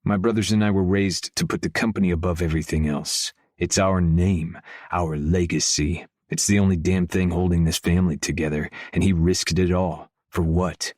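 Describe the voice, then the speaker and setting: Deep-voiced male audiobook narrator. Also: steady tone, normal speed, few pauses, darkish tone, no echo, studio quality. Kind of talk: scripted first-person audiobook narration.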